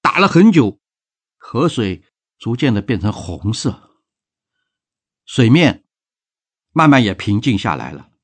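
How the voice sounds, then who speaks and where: Animated male folk tale storyteller. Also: medium pitch, slow pace, pauses often, husky. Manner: animated, expressive narration.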